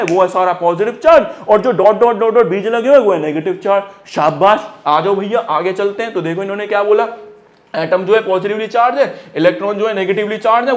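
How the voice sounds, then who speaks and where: A male science teacher giving an energetic lesson in a playful, slangy way, quizzing his students and calling them brother. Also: high voice.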